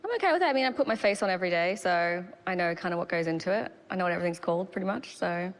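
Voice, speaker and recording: A woman's voice: lowish voice, racing. A woman chatting casually as a game show contestant. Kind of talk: casual chat.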